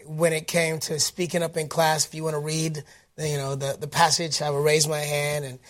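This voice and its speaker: An animated man from Detroit, speaking as a guest in a relaxed interview. His voice sits fairly high for a man. He talks in an upbeat way, with plenty of fillers and restarts. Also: moderate pace. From Detroit, United States. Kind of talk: casual interview storytelling.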